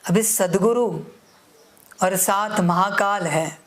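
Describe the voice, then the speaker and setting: A woman delivers a devotional discourse at an unhurried, measured pace, speaking to her listeners as beloved children. Her tone is admonishing, and she keeps circling back to reminders to pay attention. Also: medium pitch. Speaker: spiritual teacher.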